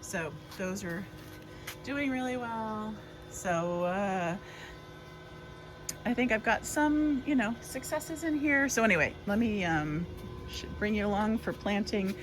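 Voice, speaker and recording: A woman's voice: medium pitch, slow, noisy background. A woman chatting casually as she works in her garden outdoors, rambling with plenty of fillers. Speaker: garden vlogger. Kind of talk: casual chat.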